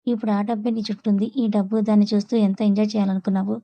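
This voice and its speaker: A woman's voice: medium pitch, level tone, very fast, dark tone, close to an everyday voice, poor audio. A woman reading as an angry young man. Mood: cold. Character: angry young man confronting his uncle.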